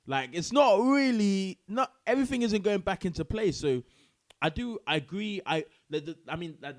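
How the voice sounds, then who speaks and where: A man, co-hosting a podcast in relaxed, slang-heavy casual chat. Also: medium pitch. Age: 20s. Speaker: podcast co-host.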